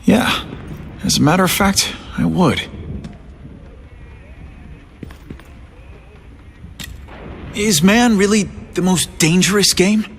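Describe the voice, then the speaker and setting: A man's voice: high-pitched, moderate pace, creaky, slight background noise. An actor playing an earnest, hesitant young male news photographer in a video game, asking questions politely and tentatively. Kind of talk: video game cutscene acting.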